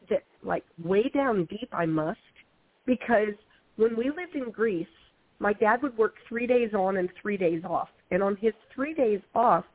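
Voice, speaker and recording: A woman's voice: mid-range voice, husky. A woman in her fifties, an author guest, talking frankly and energetically in an interview conversation. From United States (Ohio, North Carolina). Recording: tinny phone line.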